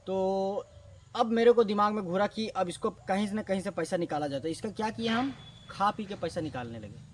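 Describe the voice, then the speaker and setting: A man telling a comic story in a casual, animated way, swinging between loud and hushed. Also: sits high. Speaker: storyteller, channel host. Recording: distant mic with faint background noise.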